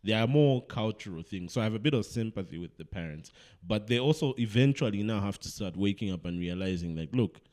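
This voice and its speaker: A man's voice: fairly low pitch, expressive, brisk, hardly any pauses, darkish tone. A man hosting a casual podcast discussion, reflective and making points with little stories. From Zambia. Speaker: podcast host.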